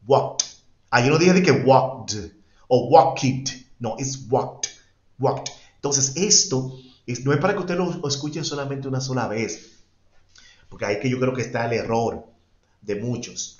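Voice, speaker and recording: Guy teaching english, repeats every word twice, roomy dull recording. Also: medium pitch. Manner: repetitive and emphatic, switching between two languages. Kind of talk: online class explanation. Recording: echoey, dull-sounding room.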